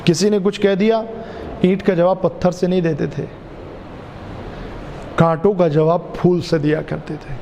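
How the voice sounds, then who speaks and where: A man, a cleric giving a majlis sermon, repeating key phrases in a drawn-out, emphatic way and calling his listeners dear ones. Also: high voice, fairly even intonation, vocal fry, warm tone, a little hiss or hum. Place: mosque. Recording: reverberant mosque hall, faint ambience.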